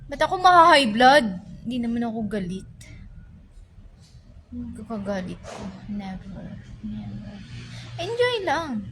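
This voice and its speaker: A woman's voice: a little high, very animated, a little slow, pauses often, a bit bright. Chatty Visayan woman vlogger, noisy room. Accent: Visayan Filipino. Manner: chatty, teasing, scolds commenters. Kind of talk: casual live chat with viewers.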